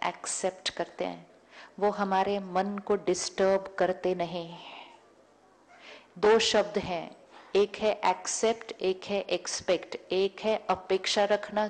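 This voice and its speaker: A woman giving a public spiritual lecture, telling everyday stories and acting out both sides of the dialogue, often repeating key words. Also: mid-range voice. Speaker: spiritual teacher. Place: lecture hall before an audience.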